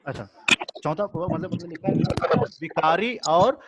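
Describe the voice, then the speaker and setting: A man's voice: fairly high pitch, moderate pace, heavy background noise. A male teacher giving a grammar lesson to a class, explaining patiently, repeating examples and checking that students follow.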